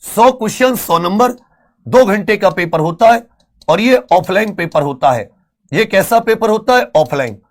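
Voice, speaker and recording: Man, high voice, earnest persuasive exam-prep teacher. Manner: earnest, persuasive, addresses students as friends. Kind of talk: animated exam-prep video lesson.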